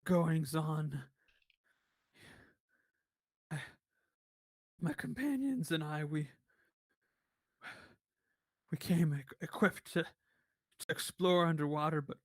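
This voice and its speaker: A frail, starving wizard prisoner talks in a weak, raspy voice, as a man puts him on. His speech comes out halting and broken, with a gravelly edge. The sound is dry and close. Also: a little high, dry recording.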